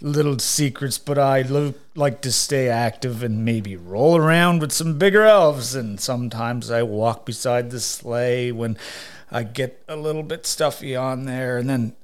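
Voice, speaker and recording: A man's voice: measured pace, lightly acted. A man playing jolly old Santa Claus. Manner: jolly, says "oh, dear" often, booming ho ho ho. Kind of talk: in-character podcast interview.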